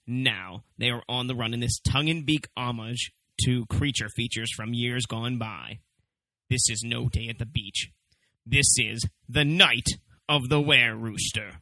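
A man's voice: medium pitch, moderate pace, bright, forceful tone, no echo, poor audio. Man in an ominous horror trailer voice. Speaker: movie review show host.

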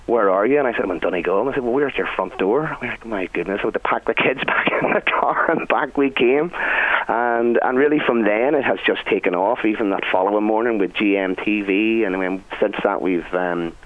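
A man's voice: lowish voice, no echo, phone-quality sound. A middle-aged man with a Northern Irish accent, chatting and telling anecdotes as a guest chef in a radio interview. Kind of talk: conversational radio interview answers.

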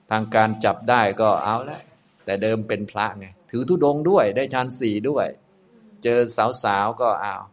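A man with a somewhat low voice gives a relaxed Buddhist lecture. He tells the story like a conversation, dotting his sentences with small particles. His teaching stays plain and unhurried. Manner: casual storytelling with frequent particles. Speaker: dharma teacher.

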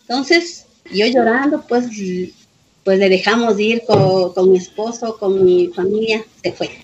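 A woman's voice: medium pitch, a little slow, a little mellow, dull audio, slight background noise. Mother telling an emotional story. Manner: emotional storytelling, reenacting dialogue, repeating phrases. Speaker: grieving mother of a police officer. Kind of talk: personal testimony in an interview.

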